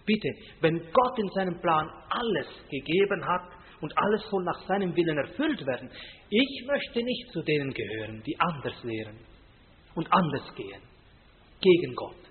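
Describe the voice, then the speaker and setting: A man preaching, his fairly high voice swelling on scripture and sinking low for family stories. The sound is thin and tinny, with a long hall echo and faint noise behind. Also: animated, normal speed. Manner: emphatic, rising loud on scripture, dropping low for anecdotes, frequent tag question. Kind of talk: sermon.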